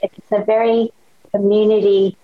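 On a dull, lo-fi recording, a young woman with an Australian accent chats as a podcast guest, eager and slangy, dropping "like" constantly. Her voice is medium in pitch, level in tone, and moderate in pace.

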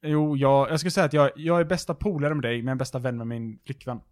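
A young man co-hosting a podcast in casual chat, playful and animated, swearing often as he spins odd stories. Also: mid-range voice. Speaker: podcast co-host.

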